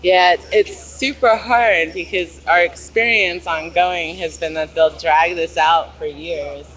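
A woman's voice: fairly low pitch, steady tone, a little slow, a bit bright, poor audio. An American woman doing a casual live interview and commentary outdoors as a citizen journalist. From United States, Los Angeles. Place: outdoors at night by a busy street memorial. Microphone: handheld phone, behind the camera.

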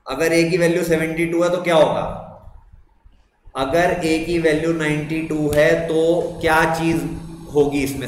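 Indian man teaching a live class. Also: a little high. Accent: Indian English. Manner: asks students questions and repeats them, praising answers. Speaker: computer science teacher. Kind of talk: live online class lecture. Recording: echoey room with faint noise.

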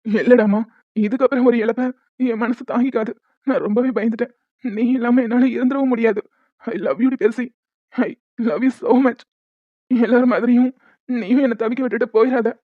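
A young cartoon husband full of pleading devotion who also turns curt and strict at work, as a woman voices him. He talks quickly in a fairly high voice. The sound is thin and phone-like, with a dry close feel. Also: steady tone, no room sound, natural voice. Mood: pleading, tender. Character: lovestruck young husband, later a stern college head. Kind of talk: cartoon voice dubbing.

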